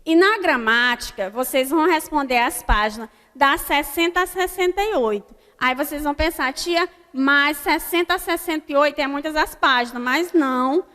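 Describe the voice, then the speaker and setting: A Brazilian woman teaching a recorded grammar lesson to children, spelling out example words slowly and checking in with her pupils. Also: sits high, pushed and bright. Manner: slow, deliberate word-by-word dictation with frequent "né?" checks. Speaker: primary school teacher. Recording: long hall reverb.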